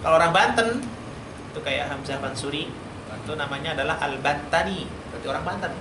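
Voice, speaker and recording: A man's voice: a little high, fast talker. A man teaching Arabic in a mosque, quizzing his students in a call-and-response lesson. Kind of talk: classroom lesson. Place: mosque study room. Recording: roomy hall, noisy room recording.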